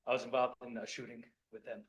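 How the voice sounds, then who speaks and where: A man who is a police lieutenant, addressing a village board meeting, choked up and halting, apologizing and repeating words as he explains. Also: mid-range voice, level tone, poor audio. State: choked up with emotion. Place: municipal meeting room.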